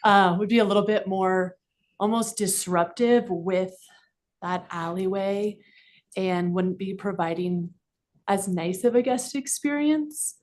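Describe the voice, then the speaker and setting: A woman's voice: mid-range voice, unhurried, darkish tone. A woman speaking at a town council meeting, laying out her restaurant's plans. She talks informally with lots of fillers and sounds a little out of breath. Her voice is picked up by a desk microphone in a council chamber. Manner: informal, many fillers, explanatory. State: slightly out of breath. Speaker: restaurant representative. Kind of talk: public comment at council meeting.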